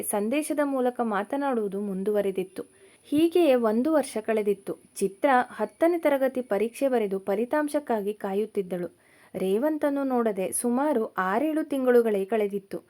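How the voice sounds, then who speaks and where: A woman reading a story aloud as a narrator, in an even, measured manner. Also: on the high side.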